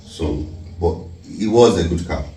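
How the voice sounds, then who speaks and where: A young man, chatting calmly and good-humouredly with his wife. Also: low-pitched, a little slow, recorded from a distance. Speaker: vlogger's husband. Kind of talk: casual chat. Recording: echoey room, off-mic, faint hum.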